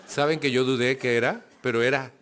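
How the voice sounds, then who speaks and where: A man's voice: medium pitch, fairly even intonation, fairly quick, a bit bright, some chatter behind. Mexican man giving a personal testimony. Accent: Mexican Spanish. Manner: conversational, laughs often, checks in with the audience. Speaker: speaker at a recovery group.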